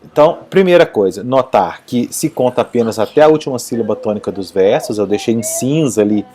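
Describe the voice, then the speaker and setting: A man's voice: mid-range voice, animated, brisk, a crowd in the background. A man teaching a video lesson, explaining step by step and often checking in with his listeners.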